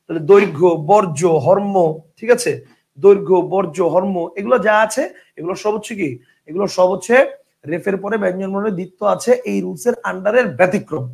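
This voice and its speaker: A man's voice: high voice, vocal fry, darkish tone. A man teaching an online spelling class, explaining rules through many examples and often checking that students follow. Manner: repeats words slowly to drill spelling.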